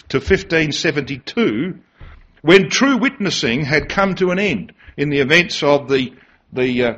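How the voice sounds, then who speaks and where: A male preacher with a fairly high, lively voice that swings up and down as he stresses each point. He talks emphatically and keeps turning statements into rhetorical questions. The recording sounds dull and lo-fi. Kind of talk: sermon.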